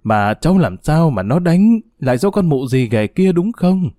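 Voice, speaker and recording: A man's voice: fairly high pitch, very animated, normal speed, warm tone, no room sound, clean studio sound, pitched above the performer's own voice. A man voicing a frail, sick old grandmother who scolds and grieves between coughs. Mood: angry.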